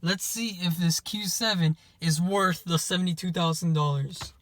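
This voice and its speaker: A man's voice: high-pitched, normal speed, fairly bright tone, no echo. A man giving a chatty, enthusiastic car review while recording himself on a handheld phone outdoors at a car lot. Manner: chatty, enthusiastic, pointing things out. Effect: phone video recording. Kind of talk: casual walk-around car review. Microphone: phone camera held in hand.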